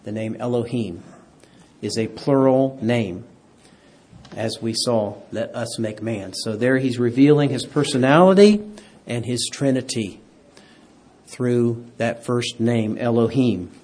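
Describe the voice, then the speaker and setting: Slow and darkish in tone, a man's mid-range voice guides an interactive Bible lesson in which he keeps quizzing the class and asking for amens.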